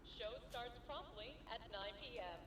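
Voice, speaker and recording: A woman voicing a cheerful theme park announcer, heard as a formal, polished announcement over an outdoor loudspeaker. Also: fairly high pitch, expressive, measured pace, background noise. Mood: announcing. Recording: echoey distant loudspeaker in game.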